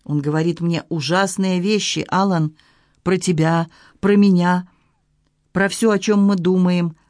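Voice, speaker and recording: A tearful widow in her late thirties, frightened and ashamed, pleads in a storybook scene, as a reader voices her in a plain mid-pitched tone. The sound is close and dry, with no room around it. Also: darkish tone, dry recording, natural voice. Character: distraught young widowed woman, frightened and ashamed. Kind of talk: audiobook reading.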